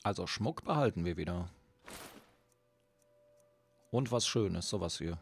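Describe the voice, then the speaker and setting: Excitable German gamer with a jumpy voice. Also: male voice, low voice, a little slow, creaky, faint music behind. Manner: excitable, talks to enemies on screen. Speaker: let's play host. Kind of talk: casual gameplay commentary.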